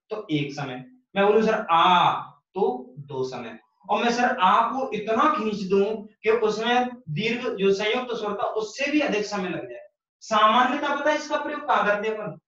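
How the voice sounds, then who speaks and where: A high-pitched male teacher gives a patient grammar lesson, repeating each point and posing his own questions. His voice rings around a very echoey room. The sound is dull and distant, as if the mic sits well away from him. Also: fairly bright tone. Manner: explains patiently, repeats key phrases, asks and answers his own questions. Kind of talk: online Hindi grammar lesson.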